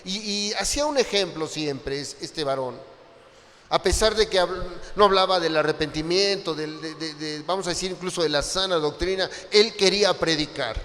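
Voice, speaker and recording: A man with a Mexican Spanish accent preaching a Sunday sermon, impassioned and rising to loud cries. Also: on the high side, normal speed. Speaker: pastor. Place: church hall. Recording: long hall reverb.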